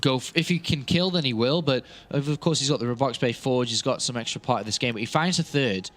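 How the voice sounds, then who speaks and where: A man's voice: mid-range voice, fast, a bit bright. A man giving play-by-play commentary on a strategy game match, chatty and joking with his co-caster. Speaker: esports caster.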